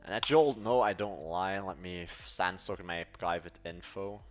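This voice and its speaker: A young adult man with a Dutch accent and a low voice chats casually at normal speed while hosting a livestream, music playing behind him. He rambles and corrects himself as he goes.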